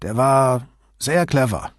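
A man's voice: medium pitch, animated, slow, dry recording, studio quality. A man voicing an evasive, touchy man who turns defensive and indignant under questioning, read in an audiobook.

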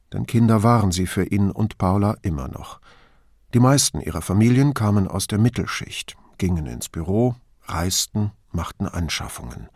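Lively male audiobook narrator. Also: fairly low pitch, no room sound, studio quality. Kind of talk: scripted narration.

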